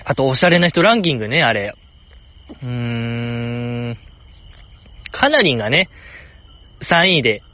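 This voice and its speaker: A man with a Kansai accent chatting alone in a rambling, jokey way, jumping up in pitch to stress a point. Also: big pitch swings, measured pace, pauses often, sharp tone. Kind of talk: casual solo chat.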